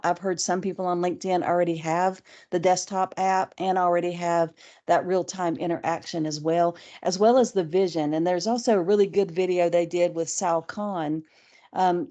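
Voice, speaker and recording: Woman, webinar presenter for teachers: low, mellow voice, relaxed and chatty. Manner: easygoing, thinks aloud with frequent restarts. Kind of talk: conversational online training talk.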